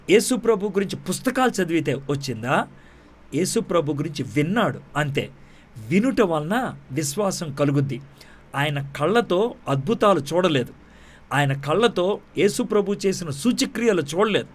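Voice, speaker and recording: A male pastor, his voice sitting a touch high for a man. He preaches with rhetorical questions and restates points slowly in English. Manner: preaching in Telugu, repeating key lines in slow English. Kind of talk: sermon.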